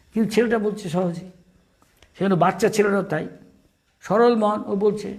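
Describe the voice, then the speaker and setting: Male monk lecturer, high voice, informal storytelling sermon with a teasing touch. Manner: chatty and teasing, calls on listeners by name; searches aloud for words. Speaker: monk giving a devotional class. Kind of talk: informal sermon with folksy stories.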